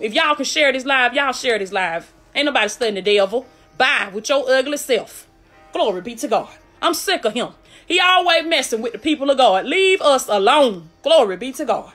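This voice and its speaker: During a livestream, a woman with a Southern US accent preaches a fervent sermon, hyped and fired-up, exhorting listeners with repeated refrains. Her voice sits high and has a fairly bright tone.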